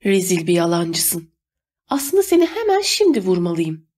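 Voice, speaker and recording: A woman voicing an armed male robber who gives slow, menacing commands in a storybook reading. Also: lowish voice, big pitch swings, a little mellow.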